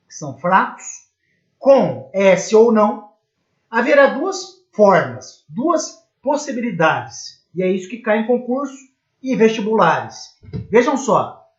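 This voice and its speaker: A man with a Brazilian Portuguese accent teaching a recorded grammar lesson, patiently repeating and spelling out examples and checking in with his students. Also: high-pitched. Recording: echoey room, dull lo-fi sound.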